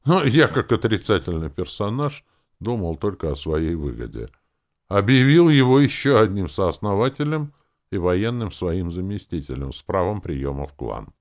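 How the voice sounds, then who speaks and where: A man reading a first-person fantasy audiobook with a wry, lively delivery. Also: deep voice, normal speed. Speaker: audiobook narrator.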